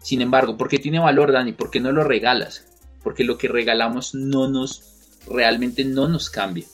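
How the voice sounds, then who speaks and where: A man's voice: mid-range voice, steady tone, moderate pace, soft background music. A man giving a motivational talk to camera, emphatic and repetitive, firing rhetorical questions at the listener. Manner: acts out quoted people. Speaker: motivational coach.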